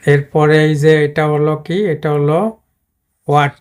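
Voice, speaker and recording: A man's voice: fairly high pitch, completely flat delivery, slow, darkish tone, smooth. A man teaching English pronunciation in a casual spoken lesson, explaining plainly with many fillers and restarts.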